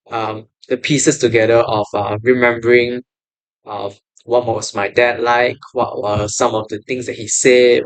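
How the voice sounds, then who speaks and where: A man's voice: medium pitch, rough recording. A man in his twenties with a Malaysian English accent, hosting his own podcast in an earnest, encouraging way with many fillers and restarts. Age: 20s. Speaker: podcast host. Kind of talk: casual podcast monologue.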